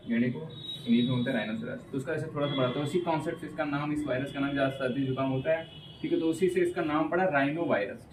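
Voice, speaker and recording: A male biology teacher talks through exam material, drilling each term and checking in after nearly every sentence. He slows right down to read English textbook phrases word by word. His voice sits back from the mic in a roomy space with a faint hum of ambience. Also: medium pitch, recorded from a distance. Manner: repeats "theek hai" constantly, drills key terms. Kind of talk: exam-prep lecture.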